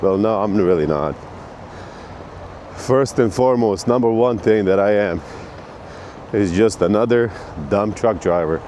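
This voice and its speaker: A man's voice: mid-range voice, darkish tone, a little hiss or hum. A man from Bosnia and Herzegovina, a truck driver vlogging at a truck stop in loose, slangy, profane banter into a handheld camera. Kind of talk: casual vlog chat. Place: truck stop outdoors and shower room.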